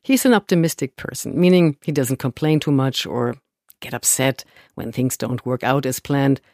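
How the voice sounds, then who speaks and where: A man's voice: mid-range voice, moderate pace, a little mellow, no room sound, studio quality. A man hosting and narrating a scripted documentary report in an explanatory way. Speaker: host, reporter. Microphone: close dry narration mic.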